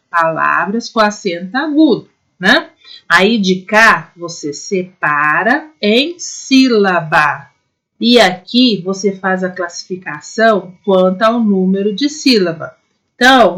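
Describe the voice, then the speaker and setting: A woman teacher with a Brazilian Portuguese accent, giving a recorded class to young pupils, patient and step by step, sounding out syllables slowly. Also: mid-range voice, a bit bright, rough recording. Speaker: primary school teacher.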